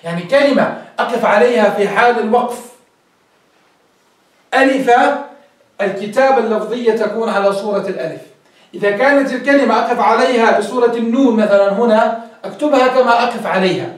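Man, very high voice, grammar teacher, explains step by step, quizzes students, booming room echo. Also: fast, long pauses. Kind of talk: classroom lecture. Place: classroom with a board. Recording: very echoey room, mic far off.

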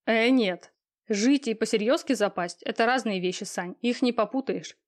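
Woman reading smug lazy young guy in an audiobook, sneery and offhand, kinda coarse, voice a bit high. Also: moderate pace, lightly acted. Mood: scornful. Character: smug young man, cold, lazy and mocking.

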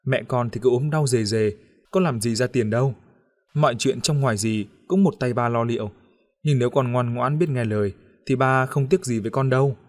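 Man voicing a manipulative middle-aged father, coaxing, wheedling, menacing, audiobook, mid-pitched. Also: normal speed, close to an everyday voice. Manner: coaxing and wheedling, turning to harsh threats.

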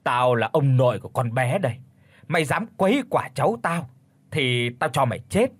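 Man doing gruff booming old ghost grandpa, bossy, husky. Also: expressive, normal speed, no echo, lightly acted. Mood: scolding. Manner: commanding, scolding.

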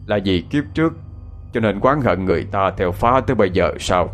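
A man's voice: lowish voice, expressive, brisk, faint music behind, natural voice. A man voicing a stern old male Buddhist monk who gives commands during an exorcism.

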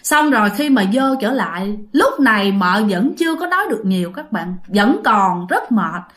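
A woman with a medium-pitched, slightly bright voice tells a ghost story at a normal speed, her pitch swinging widely. She keeps it chatty, often turning to her listeners and filling her speech with lots of fillers.

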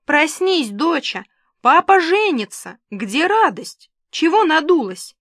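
A woman's voice: on the high side, lively intonation, takes it slowly, a bit bright, dry recording, studio quality, exaggerated voice. A woman voicing a brash middle-aged father who barks teasing exclamations in an audiobook. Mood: jovial. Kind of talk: audiobook dialogue reading.

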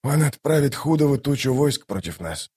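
A tired young soldier who mutters low and quiet, grumbling with wary unease, as a male audiobook reader plays him. The voice sits a little lower and softer than the narration in this fantasy audiobook. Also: big pitch swings, moderate pace, breathy edge, no echo, clean studio sound. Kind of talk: audiobook character voice.

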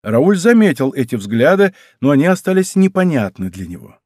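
A man's voice: on the high side, big pitch swings, normal speed, darkish tone, no room sound, studio quality. A man narrating a historical novel as an audiobook, reading expressively. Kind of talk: scripted literary narration.

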